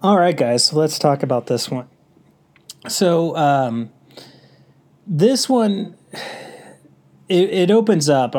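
A man's voice: medium pitch, darkish tone. A man hosting a casual horror film review, congested from a cold, talking in a rambling way with many fillers. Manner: rambling, filler-heavy delivery.

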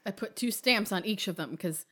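Woman from wisconsin cohosting a podcast, dry short replies, low-key chat. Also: brisk, fairly bright tone. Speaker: podcast co-host. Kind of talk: casual chat.

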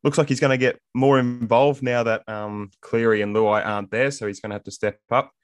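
A man's voice: mid-range voice, fairly even intonation, a little fast, smooth, no room sound, studio quality. An Australian man giving casual fantasy sports analysis as a panellist on a rugby league show.

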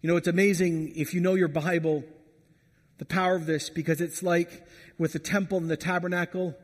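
A man's voice: on the high side, little pitch movement, a little fast. A man preaching a sermon as a pastor, earnest and storytelling. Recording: long hall reverb.

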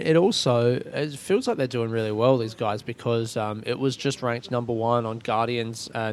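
An Australian man with a medium-pitched voice records a casual podcast intro on a ferry. He talks informally and rambles like he is chatting to a listener, with clear boat ambience around him. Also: slight background noise. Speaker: podcast host.

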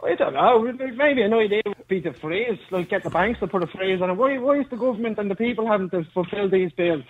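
Male caller, high voice, rapid and defiant, heard over a buzzy phone line that keeps cutting out. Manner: defiant, argumentative, talks over the host. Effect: buzzy phone line that keeps breaking up. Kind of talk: radio phone-in call. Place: on a building site. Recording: tinny glitchy phone line.

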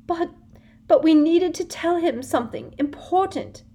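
A frightened teenage schoolgirl witch pleading in a high, tearful, jumpy voice, as a woman reads her aloud. She sounds close to sobbing and strained. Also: sing-song, normal speed.

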